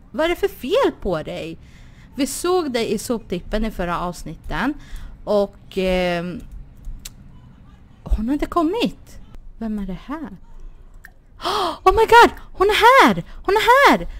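A woman hosting a gaming channel, chatting casually through a life-sim game, often exclaiming and talking to her characters. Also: medium pitch. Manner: chatty, exclaims and laughs, talks to her sims. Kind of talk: casual Let's Play commentary.

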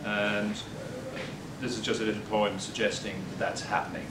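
An older poet reads at a podium in a bookstore, offering spoken asides and sounding hesitant and halting between poems, with a flat delivery. A distant camera mic picks him up in an echoey room with background rumble.

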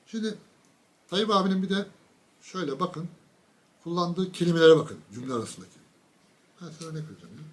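Guy doing a sarcastic rant to camera, kinda high voice, loud bits then mumbly asides. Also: fairly quick, pauses often. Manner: mocking, ranting, with sudden loud bursts and low asides. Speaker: political commentator. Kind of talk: casual political monologue to camera.

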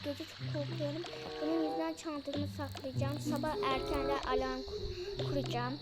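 A woman's voice: high voice, steady tone, moderate pace. A young girl chattily narrating her play in a kids' app game, talking to viewers as friends. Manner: chatty, addresses viewers as friends, voices characters. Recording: loud background music.

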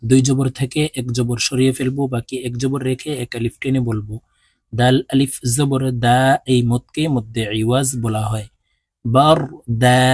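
A man with a Bangladeshi accent teaching Quran reading, spelling out Arabic words letter by letter and drawing out each syllable slowly. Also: mid-range voice, darkish tone, no echo, clean studio sound. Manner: slow drawn-out recitation of each word.

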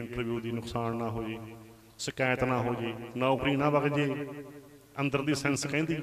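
A man preaching a Sikh religious discourse in a fairly high voice. He works through homely examples, repeats his key formula and calls for responses from the congregation. The sound rings in an echoey hall. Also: fairly bright tone.

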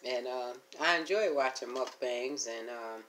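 A woman's voice: extremely low pitch, unhurried, a bit bright, a little hiss or hum. A middle-aged woman vlogging at home, chatting to her viewers in a rambling, homey way while she eats and hums between bites. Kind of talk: casual eating chat to camera.

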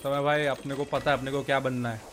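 A man's voice: medium pitch, little pitch movement, quick pace, fairly bright tone, a little hiss or hum. A man in a gaming group, calling out where the enemy is and telling teammates what to do. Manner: calls out enemy locations, keeps saying bro. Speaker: teammate in an online game. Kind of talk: casual gaming chat.

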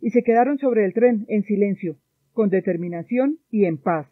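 A woman from Colombia reading a novel aloud in a measured, sombre narration, heard through a dry, tinny phone-like sound. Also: medium pitch, no echo. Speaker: audiobook reader. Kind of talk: literary narration.

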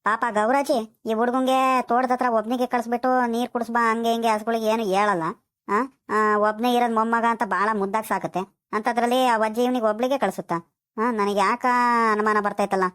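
Fussy scolding village woman played by a woman, higher pitch, cartoon. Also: steady tone, fairly quick, fairly bright tone, natural voice. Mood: suspicious. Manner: fussing, scolding. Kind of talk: cartoon voice acting.

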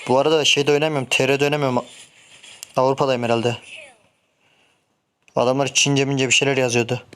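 Male streamer, chatty and hot-headed, mid-pitched, talks through his match. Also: fairly quick, clear, resonant tone. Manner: excitable, swears and grumbles at teammates. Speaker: gameplay streamer. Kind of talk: casual live game commentary.

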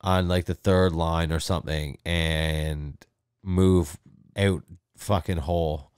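A man's voice: deep voice, steady tone, takes it slowly, clean tone, no room sound, clean studio sound. A man co-hosting a casual sports podcast, blunt and opinionated, swearing casually. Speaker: podcast co-host.

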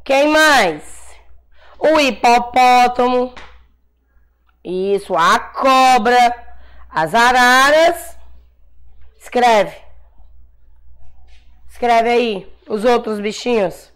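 A Brazilian woman teaching a class of young children, sounding out syllables slowly and patiently, calling herself auntie and praising often. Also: a little high, animated, clean tone. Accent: Brazilian Portuguese. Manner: calls herself "tia", encouraging praise. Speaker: primary school teacher. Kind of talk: slow dictation-style class for young children.

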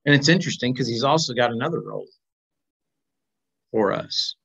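A middle-aged man leads an informal Bible class over a video call, reading passages aloud and chatting about them while asking the group questions. His mid-range voice is gravelly and fairly bright with a breathy edge, a little fast. He's indoors in a small plain room, and the computer mic gives dull, lo-fi call audio.

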